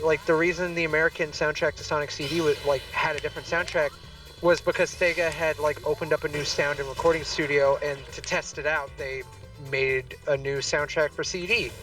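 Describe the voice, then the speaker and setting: A man's voice: a little high, a bit bright, distant mic, low-quality recording. A man streaming a game and chatting casually, rambling with many fillers. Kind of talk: casual chat while gaming.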